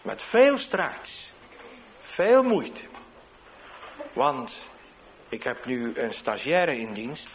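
A man, a street evangelist, tells a testimony in an animated storytelling way, swinging between loud bursts and hushed asides. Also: medium pitch, very slow, long pauses, a little hiss or hum, poor audio.

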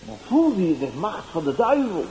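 A male evangelist, giving a sermon with personal testimony, going from soft storytelling to loud exclaiming. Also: high voice, sing-song, normal speed, creaky. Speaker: evangelist preacher. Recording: roomy echo, faint background noise.

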